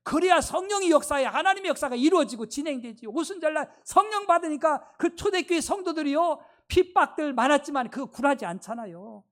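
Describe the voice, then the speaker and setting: A woman pastor giving an emphatic, exclamatory Sunday sermon with many fillers, then praying in soft, low tones. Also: lively intonation, a little fast, few pauses. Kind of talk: fervent Sunday sermon and prayer.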